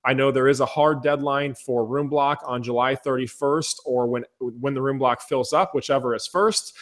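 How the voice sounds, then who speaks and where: Male webinar host, mid-pitched, hoarse from losing his voice, upbeat pitch to his viewers over a call mic. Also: normal speed. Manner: energetic, enthusiastic pitch to viewers. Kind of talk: casual webinar chat.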